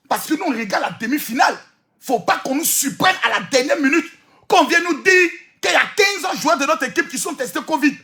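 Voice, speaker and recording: A man with an Ivorian French accent giving an animated, provocative monologue, teasing and repeating himself and often breaking into shouts. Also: very high voice. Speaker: social media commentator.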